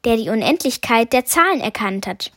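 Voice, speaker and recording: A woman's voice: a little high, animated, moderate pace, fairly bright tone, no room sound, studio quality. A woman reading a children's story aloud, voicing a patient, wise talking number one who explains things. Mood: solemn.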